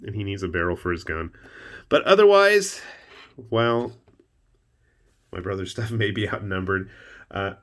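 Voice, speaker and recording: A man hosting a casual show-and-tell of his painted miniatures, chatty with wry asides. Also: medium pitch. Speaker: miniature painting channel host.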